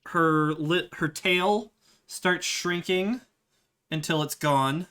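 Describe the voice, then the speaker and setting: A man running a tabletop game, describing scenes in a slow, unhurried way. He stumbles through fillers and restarts and laughs at himself now and then. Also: a little high, bright, forceful tone, clean tone. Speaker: game master.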